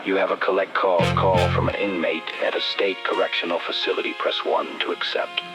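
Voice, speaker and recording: A man's voice: low-pitched, little pitch movement, fairly quick, over loud music. Man's voice on an automated phone line. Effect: automated collect-call phone message.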